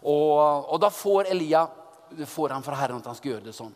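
Man, preacher, lively teasing storyteller, restarts often, slightly high voice, reverberant hall. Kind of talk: sermon retelling a Bible story.

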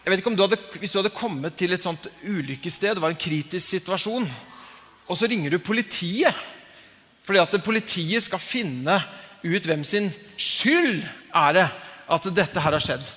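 High-voiced guy giving a chatty sermon, lots of ums, echoey hall. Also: animated, sharp tone. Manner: conversational, chuckling, many fillers. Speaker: preacher. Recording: long hall reverb.

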